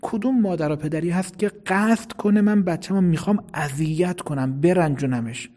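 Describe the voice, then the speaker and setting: A man preaching a sermon in a measured, explanatory way, sometimes demonstrating tones of voice. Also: fairly high pitch, mellow.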